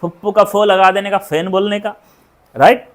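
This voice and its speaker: A woman with an Indian accent teaching English pronunciation, repeating each word several times and asking quick questions to check the class. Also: medium pitch, steady tone. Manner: drills words by repeating them, asks quick check questions. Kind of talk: pronunciation lesson.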